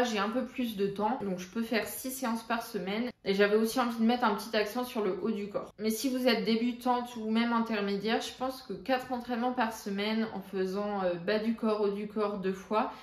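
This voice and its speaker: A woman's voice: mid-range voice, reverberant. A young woman vlogging about her fitness routine, chatting casually with viewers and using lots of fillers. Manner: chatty, frequent fillers, addresses viewers directly. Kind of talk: casual explanatory vlog.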